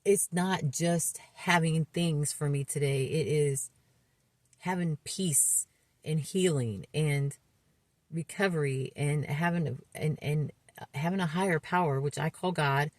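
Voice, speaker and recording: This is a recovery vlogger in her mid-fifties sharing a frank testimony about her own life. Her voice is low and grounded, and her earnest delivery is halting, with many restarted sentences. The audio sits close and dry, free of any echo or room ambience.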